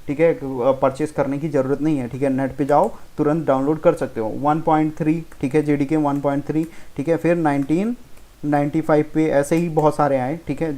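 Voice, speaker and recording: A programming tutor with a slightly high, mellow voice gives a casual Hindi-English lecture at a fairly quick, level pace. He explains informally, keeps checking in with "okay" and "theek hai," and corrects himself along the way.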